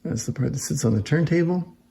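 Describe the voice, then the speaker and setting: Here the man's voice is on the high side, creaky and warm, and a little fast. He's presenting antique phonograph toys in a casual, unscripted demonstration, sounding interested and informal, with room echo and faint noise behind him.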